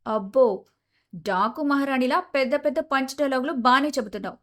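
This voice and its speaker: A playful, mocking young husband from an audio romance story, put on by a woman narrator who drops her voice for him. He talks with easy confidence and a teasing edge. The voice sits fairly high for a man. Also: fairly quick, lightly acted.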